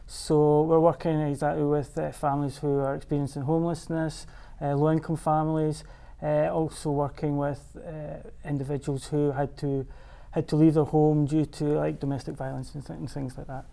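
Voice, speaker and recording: Gravelly, dark-voiced Scottish man. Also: fairly high pitch, flat delivery, normal speed, few pauses. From Scotland. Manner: hesitant, many uh fillers and restarts. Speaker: executive director. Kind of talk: studio interview.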